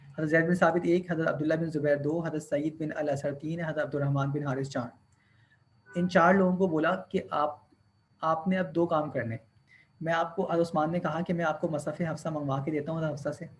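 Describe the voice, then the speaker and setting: A man's voice: on the high side, fairly even intonation, fairly quick, slight background noise. A man teaching a class, explaining step by step, counting points aloud and mixing English terms into his speech. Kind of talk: classroom lecture.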